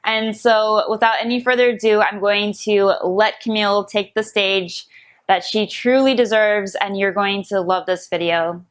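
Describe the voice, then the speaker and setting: A woman's voice: medium pitch, steady tone, moderate pace. A woman nurse hosting her channel, introducing a guest in an earnest, chatty way with frequent fillers. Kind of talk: casual introduction to camera.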